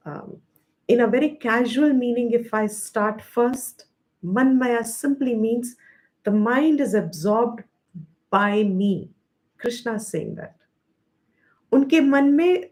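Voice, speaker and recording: A woman with an Indian accent teaching a scripture study class, explaining patiently, slowing down to stress key terms and mixing Hindi phrases into her English. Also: fairly high pitch, darkish tone. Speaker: Vedanta teacher.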